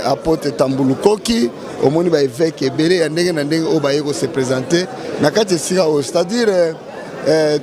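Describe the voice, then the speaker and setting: A man, a pastor, giving a calm statement to the press with many hesitations. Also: on the high side. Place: outdoors at a hotel.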